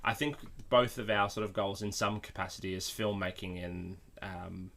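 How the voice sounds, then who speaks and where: A young man on a casual podcast with a somewhat low voice. He keeps up steady, dry and sarcastic banter with his co-host. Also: moderate pace, gravelly.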